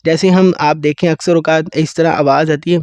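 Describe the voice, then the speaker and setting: High-voiced man teaching Quran recitation. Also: little pitch movement, darkish tone, smooth, no echo. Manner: explains rules quickly, then recites verses slowly in a drawn-out melodic chant. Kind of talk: tajweed lesson.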